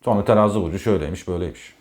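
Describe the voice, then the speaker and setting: A man's voice: low voice, racing, darkish tone. A man who works as an astrologer, talking in a casual monologue about zodiac signs. He speaks emphatically, repeats himself and scolds the listener directly.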